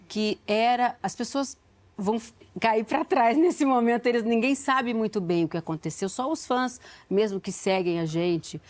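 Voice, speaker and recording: A woman's voice: medium pitch, a little mellow. A woman in her forties, a talk show guest, telling a story earnestly with frequent restarts. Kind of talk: emotional storytelling.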